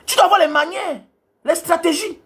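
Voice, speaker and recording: A travel vlogger, a man, talks in a high-pitched voice. He scolds his audience angrily and repeats each point again and again. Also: moderate pace, fairly bright tone. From Cameroon. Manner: angry, scolding, repetitive hammering of points. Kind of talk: ranting monologue to viewers.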